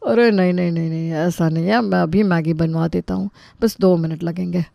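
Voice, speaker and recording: Woman doing a nervous, placating cartoon wedding host with a gravelly edge. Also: lowish voice, steady tone, a little fast, no room sound, muffled recording. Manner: harried, placating, stammering. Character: flustered middle-aged male host of the wedding. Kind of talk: cartoon voice acting.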